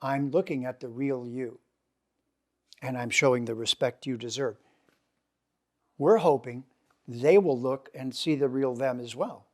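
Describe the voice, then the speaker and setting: A man giving a lecture, asking the audience questions and answering them himself, slowing down to stress key words. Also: mid-range voice, a little mellow. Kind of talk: lecture to a seminar group.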